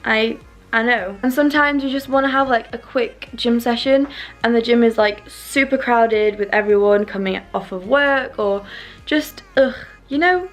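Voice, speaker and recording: With a voice on the high side at a moderate pace, a young adult woman talks in a casual, chatty fitness-vlogger manner over soft background music. She rambles a bit and repeats words for emphasis, as in a vlog or workout voiceover.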